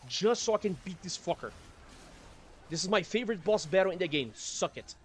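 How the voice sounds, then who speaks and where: A somewhat high-pitched man talks through a game stream in a casual way. He grumbles and swears freely, with a dry, sardonic edge. He sounds like he is at home in his apartment. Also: lively intonation, brisk, a little hiss or hum. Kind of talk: casual gameplay commentary.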